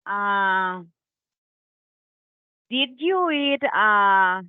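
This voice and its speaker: A woman works through English questions very slowly, stopping often with fillers. Her voice comes over a thin, tinny line that sounds like a phone call, dry and close. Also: medium pitch, lively intonation, clean tone, dry recording. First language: Spanish. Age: 30s. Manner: very slow, halting, with many fillers. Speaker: language student. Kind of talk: English speaking practice in class. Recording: tinny online call audio.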